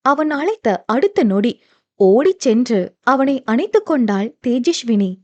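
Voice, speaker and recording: A woman narrating an audio novel in a smooth storytelling voice. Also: sits high, lively intonation, a little slow. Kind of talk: scripted narration.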